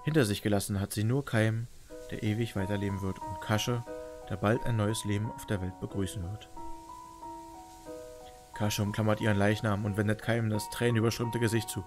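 A man's voice: lowish voice, steady tone, normal speed. A man reading a video game's story aloud as dramatic narration. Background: music.

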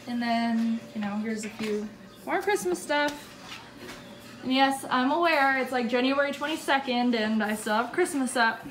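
A young woman with a high voice ambles through a casual house tour, her words slow and loose as she laughs at her own clutter. She films on a handheld phone at night, and a steady home noise sits under her talk. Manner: rambling, giggly, self-deprecating. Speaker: vlogger giving a house tour. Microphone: phone camera held by the walker. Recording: noisy home recording.

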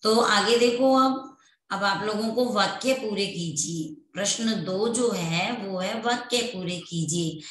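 A woman teaching Hindi to young children in an online class, slowly and patiently repeating words for them to say back. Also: medium pitch, roomy sound. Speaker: primary school Hindi teacher.

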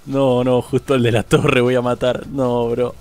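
A man's voice: medium pitch, level tone, measured pace, a little mellow, a little hiss or hum. A young man with an Argentine accent giving casual, slangy live commentary on his online gameplay, talking to his chat. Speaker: streamer.

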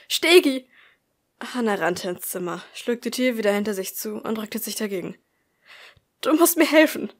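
Woman reading an audiobook, soft quiet storytelling, mid pitch. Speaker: audiobook reader. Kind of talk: reading a first-person story aloud.

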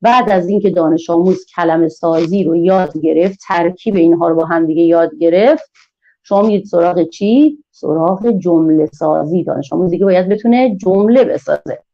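A woman giving an online teacher-training lecture, drawing words out slowly in a sing-song teaching manner. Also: fairly low pitch, dark tone, highs cut off. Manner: slow, sing-song, drawn-out teaching delivery.

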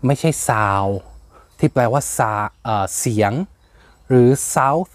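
A man's voice: mid-range voice, takes it slowly. A man hosting a plant channel, explaining names in a casual, hesitant way with many fillers and spelling words out letter by letter.

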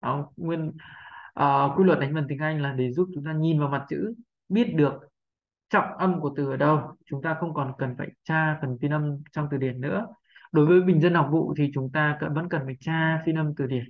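A man's voice: on the high side, normal speed. A man teaching pronunciation, explaining step by step in a patient way and checking in with his listeners. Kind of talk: explaining lesson. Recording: dull lo-fi sound.

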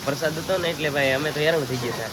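Low-voiced woman vlogging her family day. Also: rapid-fire, very noisy. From Gujarat, India. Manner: chatty, coaxing a child to talk. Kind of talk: casual family vlog narration.

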